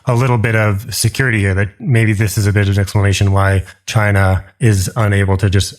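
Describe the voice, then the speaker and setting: Lower-voiced man hosting a podcast. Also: little pitch movement, a little fast. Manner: probing, conversational questions. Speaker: podcast host. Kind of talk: podcast interview.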